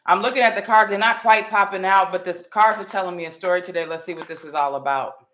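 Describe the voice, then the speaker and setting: A woman's voice: fairly low pitch, fairly even intonation, fast talker, a bit bright. An American woman giving a casual psychic hotline style tarot reading on a livestream, informal and slangy, speaking straight to her viewers. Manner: informal, familiar, addressing viewers directly with slang. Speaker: tarot reader hosting a live stream. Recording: roomy echo with light background noise.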